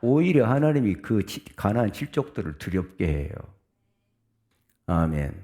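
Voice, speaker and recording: A middle-aged male pastor preaching a sermon, reading scripture aloud with the congregation and breaking into sudden loud outbursts. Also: lowish voice, very animated, normal speed.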